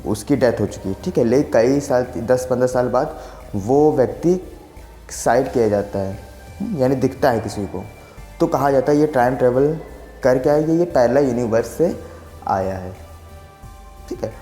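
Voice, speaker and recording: A man in his twenties casually explains a science idea to camera as host of a science explainer channel, rambling and repeatedly checking that the listener is following along. His medium-pitched voice is mellow and lively in intonation, at a moderate pace. The sound is roomy, from a large hall, with faint music in the background.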